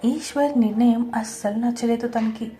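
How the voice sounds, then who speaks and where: A woman narrating a scripted audio story with a steady, expressive reading. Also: a little high, moderate pace.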